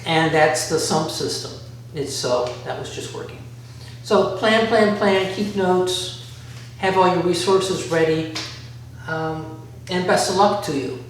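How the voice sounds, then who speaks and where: A man's voice: high-pitched, takes it slowly. A man giving a casual instructional walk-through, rambling a little as he thinks aloud. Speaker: DIY vlogger. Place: bare concrete-floored workshop room by a garage. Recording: very echoey room, distant mic, faint noise.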